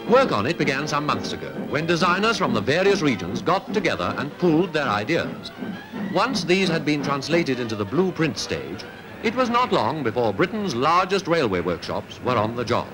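A man, narrating a 1950s newsreel in a crisp, declamatory announcing manner. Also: a little high, very animated, moderate pace, over music, rough recording.

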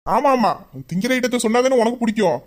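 A performer plays a lovesick young man in a romantic audio drama. He grumbles and sulks in a mid-pitched voice, putting on anger he cannot keep up. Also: quick pace, a little hiss or hum, close to an everyday voice. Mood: sulky. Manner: grumbling, mock-angry, then tender.

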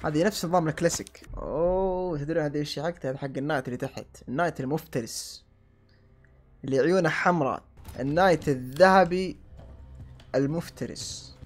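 A young man doing excitable let's play commentary and yelling at in-game enemies. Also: a little high, quick pace, soft background music. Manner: excitable, yells and curses at enemies. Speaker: gaming channel host.

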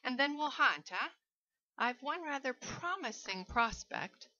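A woman's voice: high-pitched, lively intonation, unhurried, pushed and bright, no room sound, muffled recording, voice pushed up, full character voice. A woman voicing a suave, menacing aristocratic male general with mocking courtesy.

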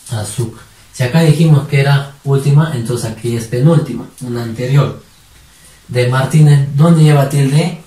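A man's voice: medium pitch, mellow. Man teaching from far off in a roomy space. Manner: asks questions and answers them himself; drills words syllable by syllable. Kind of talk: online spelling lesson. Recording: roomy sound from a distant mic.

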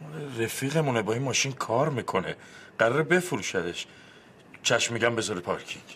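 A pushy, smooth-talking friend who sells his ideas with swooping pitch. The scene has faint street ambience behind it. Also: animated, a bit bright, slight background noise.

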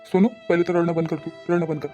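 Give me an actor voicing a reassuring cartoon father with a Vidarbha accent, warm and very fast. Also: medium pitch, little pitch movement, soft background music, close to an everyday voice. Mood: soothing. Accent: Vidarbha Marathi. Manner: reassuring, repetitive. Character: kindly father figure, soothing and protective. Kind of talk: cartoon voice acting.

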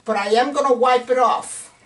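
A middle-aged woman teaches a casual painting lesson, her voice on the high side at normal speed. She is encouraging and chatty, sometimes dropping to a whisper as she works, and a distant camera mic picks up faint room noise.

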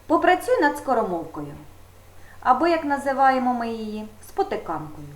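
A woman teaching a grammar video lesson to young pupils, speaking slowly and emphatically straight to the children. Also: fairly high pitch, sing-song. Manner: slow, emphatic, addressing children directly. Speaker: primary school teacher. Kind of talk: video lesson for fourth graders. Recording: echoey room.

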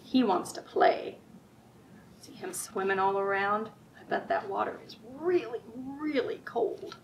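A middle-aged woman with a mid-range, gravelly voice leads a children's storytime at the library, speaking at a measured pace. She reads and chats using simple words and regularly asks her young audience easy questions. The bookshelf-lined room is heard through a distant mic, room noise included.

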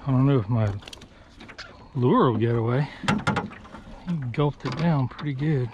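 A man, talking casually to viewers while fishing from a small boat on a marsh, folksy and excited. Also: mid-range voice, unhurried. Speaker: fishing vlogger. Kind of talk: casual play-by-play fishing vlog. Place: small boat on open marsh water, outdoors. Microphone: chest-mounted action camera. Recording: slightly dull action-camera audio with faint water noise.

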